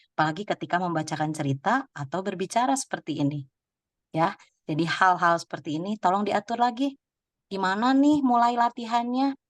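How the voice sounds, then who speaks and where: A woman's voice: fairly low pitch, dry recording, clean studio sound. Chatty woman presenting a teaching webinar. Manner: chatty, laughs often, calls on participants by name. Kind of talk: lively teaching talk to teachers.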